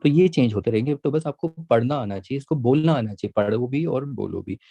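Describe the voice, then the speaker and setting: A patient male math teacher explains step by step in a mellow, dark voice. He repeats each point and draws the key words out slowly. The sound is dry and close. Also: medium pitch, expressive, vocal fry, slightly rough, dry recording, muffled recording. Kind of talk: classroom lesson, mixing Hindi and English.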